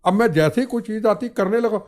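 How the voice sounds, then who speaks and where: Older guy on a podcast, fired up and preachy, repeats himself for punch, highish voice. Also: fairly quick, a little mellow. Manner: fiery, declamatory, repetitive rhetoric. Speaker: podcast guest, former minister. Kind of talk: impassioned political talk.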